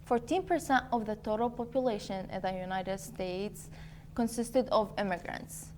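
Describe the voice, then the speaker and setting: A woman's voice: medium pitch, moderate pace, darkish tone. Young woman, interviewer, reads scripted questions, faint background hiss. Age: young adult. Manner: reads questions from a script, then backchannels often.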